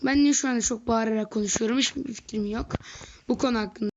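Woman, let's play commentary, high voice, excitable, yells at the game, lo-fi faint-noise recording. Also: fast talker. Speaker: gaming video creator.

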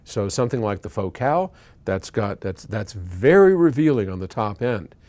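At normal speed and with an animated delivery, an American man in his sixties talks in a low, slightly mellow voice. As an audio company founder answering listener questions, he explains things to camera from an indoor electronics workshop, conversational and opinionated, in stop-and-start phrases.

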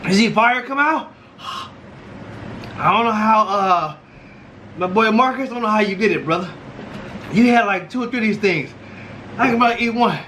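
High-voiced man with mouth burning from spicy food. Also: normal speed, long pauses, pushed and bright. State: eyes and nose streaming from hot food. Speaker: co-host of a food challenge video. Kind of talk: casual reaction chat. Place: indoor room at a table. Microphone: camera a few feet away. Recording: clearly noisy room recording.

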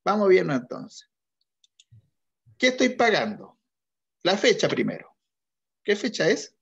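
A man's voice: high voice, very animated, a little slow, gravelly, slightly rough, dull audio. A male accounting teacher leading an online class, patiently quizzing students step by step. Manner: questioning students, patient and methodical.

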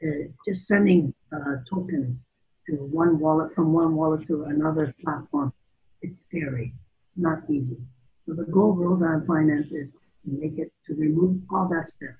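A man's voice: on the high side, fairly even intonation, normal speed, warm tone, muffled recording. A middle-aged man from Canada, a startup founder being interviewed over a video call, talking casually with many fillers and restarts. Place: room with teal curtains. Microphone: video call webcam.

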